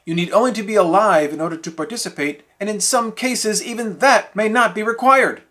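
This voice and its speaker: A man's voice: high-pitched, brisk, a bit bright. A man reading scripted mock news as a parody news anchor, in a formal, straight-faced delivery.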